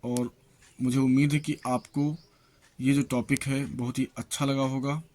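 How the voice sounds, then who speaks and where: A male English teacher reads through pronunciation lists at an unhurried, measured pace. He names each example word on its own before moving to the next. Between the lists he turns to his viewers with steady encouragement to keep practising. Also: medium pitch. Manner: slow, listing words one by one. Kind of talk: reading out a pronunciation lesson.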